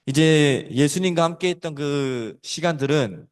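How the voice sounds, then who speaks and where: A man preaching a storytelling sermon to children, animated and swinging between loud and soft. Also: on the high side, measured pace, smooth.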